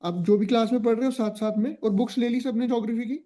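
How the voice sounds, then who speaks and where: Picture a male coaching teacher with a high, mellow voice closing an online class over a video call. He speaks Indian-accented English between Hindi phrases, laying down strict rules and pushing his students to keep up. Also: steady tone, fast. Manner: firm, strict and exhorting, with frequent "ठीक है?" check-ins.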